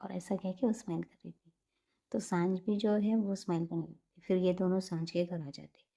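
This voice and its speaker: Husky, gravelly-voiced woman storyteller. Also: fairly low pitch, moderate pace. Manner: relaxed, chatty retelling with many fillers. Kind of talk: casual narration of a romance story.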